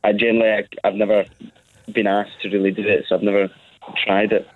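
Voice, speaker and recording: Scottish man, polite, hesitant, heard through a tinny phone line, lowish voice. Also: little pitch movement, quick pace, no room sound. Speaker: tribute act receiving a phone call. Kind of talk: casual phone conversation.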